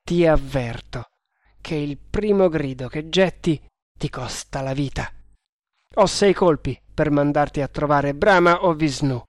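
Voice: medium pitch, a little slow, no room sound, clean studio sound, close to an everyday voice. A reader voicing a fierce, desperate Indian man sworn to kill, speaking in a threatening, commanding way in an audiobook of an adventure novel.

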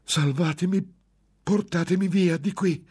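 A man playing a terrified, husky monk. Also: fairly high pitch, a little slow, a little mellow, pitched above the performer's own voice. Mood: desperate. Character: terrified male monk, desperate and cowardly.

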